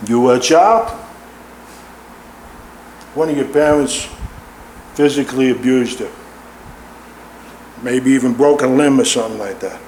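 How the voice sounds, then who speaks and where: A man's voice: medium pitch, a little slow, pauses often, a little mellow, slight background noise. A middle-aged man preaching a sermon in a church, stressing and repeating his key words. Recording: roomy echo in a large hall.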